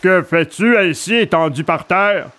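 A man's voice: high voice, a little slow, a bit bright, slight background noise. A stern policeman questioning a child, clipped and military in tone, as a man reading the story puts him on. His voice sits slightly raised and firm. He is all business in this storybook scene. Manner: curt, military commands. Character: stern adult male gendarme.

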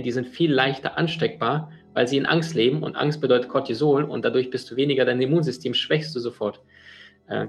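A man's voice: mid-range voice, gravelly. A man giving a motivational talk, addressing the listener directly and telling stories earnestly, with frequent fillers and restarts. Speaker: motivational speaker.

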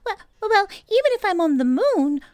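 Piglet, a woman doing a squeaky stammering piglet. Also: very animated, normal speed, a little mellow, no room sound, clean studio sound. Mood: flustered. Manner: stammering, breathless and fretful. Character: small timid anxious young male piglet.

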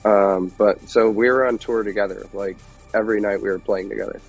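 A man's voice: lowish voice, fairly even intonation, brisk, soft background music, rough recording. A man in his thirties from Detroit, a guest musician chatting casually and rambling through stories with lots of fillers. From Detroit, USA. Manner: rambling, laid-back storytelling with many fillers. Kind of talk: casual chat.

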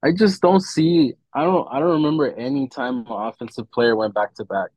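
Male podcast host, average pitch, opinionated sports talk in loose slang, very dry sound. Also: fairly even intonation, moderate pace, darkish tone, dry recording. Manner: slangy, opinionated, says "bro" often. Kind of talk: casual sports chat.

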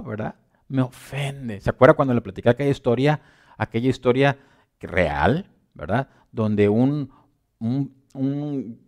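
A man preaching a sermon in a conversational way, often asking listeners whether they follow, and swinging between loud emphasis and quiet asides. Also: medium pitch. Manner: conversational, asks listeners for agreement.

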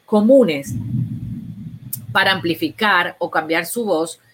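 A woman, patiently explaining speech therapy techniques to parents and slowing down for examples. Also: lowish voice, husky. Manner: patient, instructive, slow deliberate examples.

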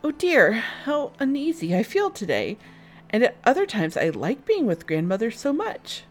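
A woman voicing an innocent, cheerful little girl with a high, eager voice. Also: wildly swooping pitch, moderate pace, faint music behind. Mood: uneasy.

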